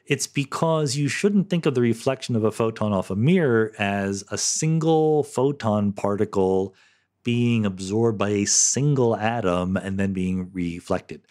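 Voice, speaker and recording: In a low, darkish and unhurried voice, a middle-aged podcaster fields listener questions by himself, explaining things casually and thoughtfully. He tends to self-correct mid-sentence and breaks into light laughter.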